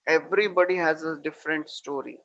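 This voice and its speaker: A man with a slightly higher voice teaches a moral lesson like a spiritual teacher. He retells an old epic with earnest emphasis, leaning on fillers and repeated phrases. His delivery is steady and heartfelt. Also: fairly quick, dull audio.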